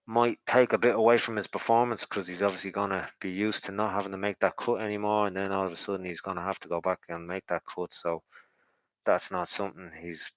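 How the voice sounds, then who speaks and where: A man's voice: low-pitched, level tone, brisk, no echo, rough recording. A man giving casual, rambling boxing commentary in a conversational, speculative way, as if thinking aloud.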